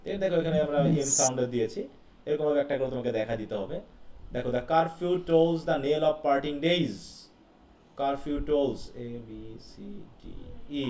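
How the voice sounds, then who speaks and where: A man's voice: a little high, moderate pace, dark tone. A man teaching a live class, explaining step by step and asking his students questions. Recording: echoey classroom heard from a distance.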